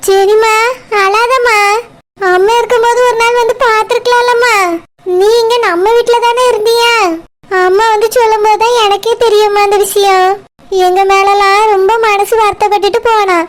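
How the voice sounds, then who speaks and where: A woman's voice: very high voice, flat delivery, normal speed. A woman voicing a caring aunt who asks worried questions, with a Kanyakumari Tamil accent. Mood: concerned. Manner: concerned, consoling. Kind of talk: cartoon voice acting.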